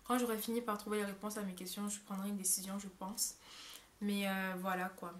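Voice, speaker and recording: A woman's voice: mid-range voice, little pitch movement, brisk. Young woman vlogger, casual rambling delivery full of fillers, mid-range voice, faint background noise. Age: young adult. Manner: rambling, many hesitations and self-corrections. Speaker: au pair vlogger. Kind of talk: casual vlog monologue.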